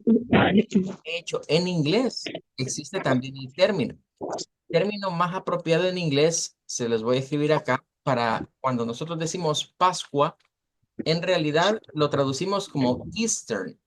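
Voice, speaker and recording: A man teaching English pronunciation in Spanish in an online class, explaining patiently, repeating words slowly and using many fillers. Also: on the high side, lively intonation.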